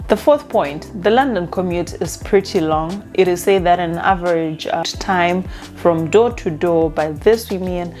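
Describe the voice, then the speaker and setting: A young woman from Zimbabwe, chatting casually in a vlog with a relaxed manner and frequent fillers. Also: fairly low pitch, a little slow, few pauses, soft background music. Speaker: vlogger. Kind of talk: casual talking-to-camera vlog.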